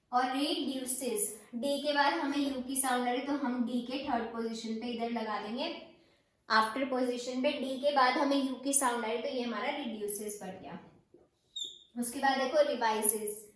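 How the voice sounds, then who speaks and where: A woman with a high voice teaches a shorthand lesson. She goes step by step and patiently says each example word again slowly. The room around her is strongly echoey. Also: fairly bright tone.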